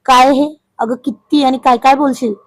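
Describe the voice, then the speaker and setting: A proud village husband with a short temper, stern and threatening, as a woman narrator puts him on. The voice stays fairly high, unlike a man's, and the recording is dry and close. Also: steady tone, moderate pace, no room sound.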